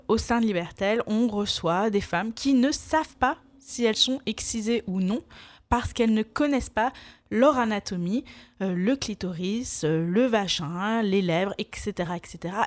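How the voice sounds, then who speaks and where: A woman working at a support association, explaining earnestly in a casual discussion, with fillers. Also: mid-range voice. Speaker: association worker.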